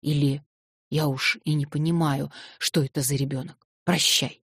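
A grieving, feverish old man in an audiobook, read by a woman in her low, even voice. He pleads softly and sadly. The sound is dry, with no room echo. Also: normal speed, slightly rough, exaggerated voice. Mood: sorrowful pleading. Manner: pleading, sorrowful.

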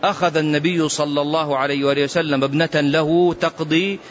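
Man, religious lesson, high-pitched, impassioned emphatic warnings, chanted recitations, dull lo-fi recording. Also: steady tone, a little fast. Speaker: religious teacher. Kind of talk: classroom commentary on prophetic tradition.

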